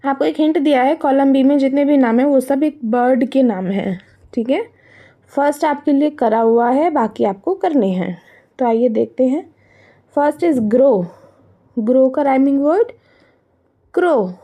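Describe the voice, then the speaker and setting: A high, mellow, unhurried voice belongs to a primary school teacher with an Indian accent. She guides young children through a workbook, switching languages between Hindi and English and answering the questions she asks.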